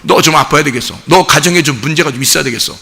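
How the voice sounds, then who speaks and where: A man voicing a sneering male devil who taunts believers in low, muttering, menacing tones. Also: racing, creaky, bright, forceful tone. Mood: taunting.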